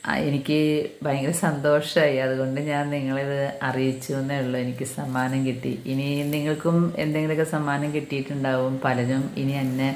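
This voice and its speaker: Middle-aged woman, earnest religious testimony, deep voice, faint background hum. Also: a little mellow. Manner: earnest, calls listeners dear brothers and sisters. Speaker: catechism teacher sharing a testimony. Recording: echoey room.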